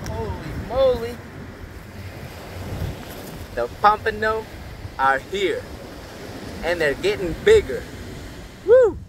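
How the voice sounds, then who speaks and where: Excited man fishing on a beach. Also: high voice, slow, pauses often, background noise. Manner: excited, upbeat commentary. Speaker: fishing vlogger. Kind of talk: casual fishing vlog. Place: outdoors on a windy beach, later in a car.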